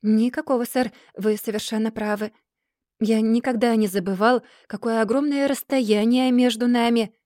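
A woman's voice: a little high, measured pace, mellow, no echo, clean studio sound, lightly acted. A woman voicing a timid, humble young man who speaks meekly and politely, with a stammer.

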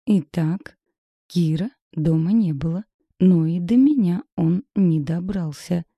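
A woman narrating a first-person audiobook in a measured, intimate, introspective way, with a husky voice. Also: fairly low pitch, mellow, no room sound, clean studio sound.

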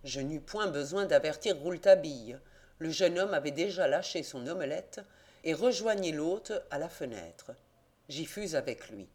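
A man narrating a classic detective novel as an audiobook, in a measured, expressive reading. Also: a little high. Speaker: audiobook reader.

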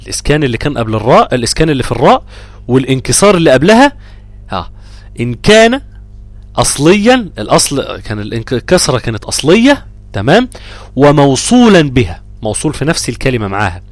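A man with an Egyptian accent teaching Quran recitation rules, quizzing students and chanting verses slowly. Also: medium pitch, no room sound. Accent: Egyptian Arabic. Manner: lively, drawn-out chanting of verse examples. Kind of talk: live tajweed lesson.

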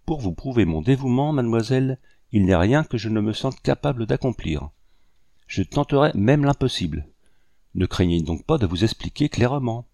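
A man voicing a proud, sorrowful rebel commander who speaks courteously, gravely and with bitterness. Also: medium pitch, expressive, moderate pace, mellow, dry recording. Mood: eager devotion.

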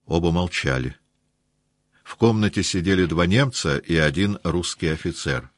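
A man narrating a classic novel as an audiobook in a measured, even storytelling manner. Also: deep voice, dry recording. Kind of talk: literary audiobook reading.

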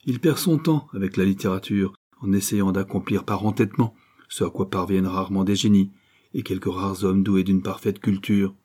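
A man's voice: deep voice, moderate pace, dark tone, breathy edge. A man reading an audiobook voices a proper bourgeois mother who lectures her daughter firmly. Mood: stern. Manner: firm, lecturing.

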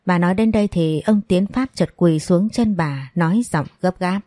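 A woman narrating a dramatic audio story in a steady storytelling manner. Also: lowish voice, moderate pace, no echo.

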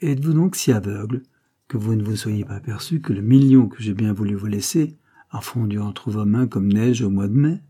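In this audiobook, a man voices a domineering, scornful creole woman whose cold, mocking speech carries a commanding mood. His own voice sits on the low side, mellow with a breathy edge, at a normal pace.

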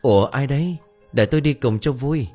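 A man voicing a middle-aged village man who calls out in a friendly, relieved way on a dark road. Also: mid-range voice, fairly quick, soft background music, lightly acted.

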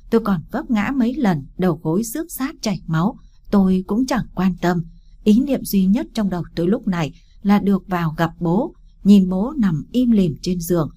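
A woman reading a first-person story aloud, steady and emotional. Her voice sits low and dark, with a husky, breathy grain. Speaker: audiobook narrator.

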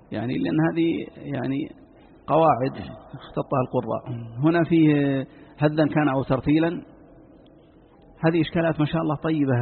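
A man, a sheikh teaching Quran recitation, answers listeners' written questions in a measured way, with many "I mean" fillers. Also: on the high side, gravelly. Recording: tinny phone-like lecture recording with faint hiss.

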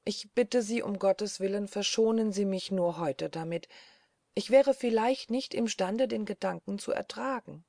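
A gentle young woman who is kind but easily frightened, read by a woman. The voice is warm and mellow with a slight gravelly texture. It is recorded dry and close. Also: mid-range voice, measured pace, dry recording, close to an everyday voice. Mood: anxious.

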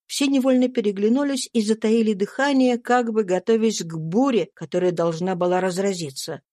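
A woman narrates a classic novel in a steady, measured voice, pitched in the middle of the range. The close microphone leaves the sound dry, with no room echo. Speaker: audiobook narrator. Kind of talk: scripted literary narration.

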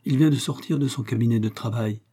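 A man's voice: medium pitch, a little fast, mellow, breathy edge, lightly acted. A man reading the part of an affectionate, anxious young wife.

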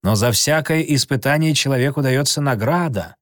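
A man narrating a storybook in expressive scripted narration. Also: medium pitch, normal speed, no echo, studio quality. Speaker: audiobook narrator.

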